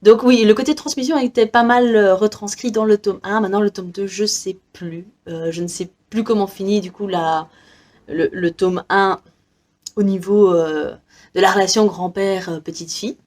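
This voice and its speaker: A young Belgian book vlogger chats casually about her reading list in a book haul video, hesitating with many fillers and frequent small laughs. Her voice is mid-range and a little mellow, with fairly even intonation at a normal speed.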